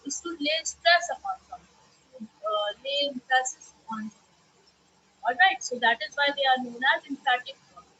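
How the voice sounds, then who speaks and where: A woman teacher explaining grammar in a live online class, often pausing to check with "okay?" and repeating examples. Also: sits high, bright, forceful tone, rough recording.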